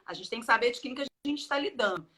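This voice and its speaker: A woman's voice: on the high side, fast talker. A woman in casual conversation, explaining child feeding to parents and acting out what children and parents say. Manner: expressive, acts out the child's and parents' words.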